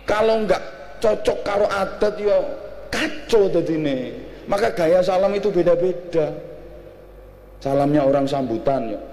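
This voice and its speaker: Joking preacher, roomy hall. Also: male voice, sits high, darkish tone. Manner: jokey, mixing Javanese and Indonesian, acts out examples. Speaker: Islamic preacher. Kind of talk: humorous Islamic sermon. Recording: roomy echo, faint ambience.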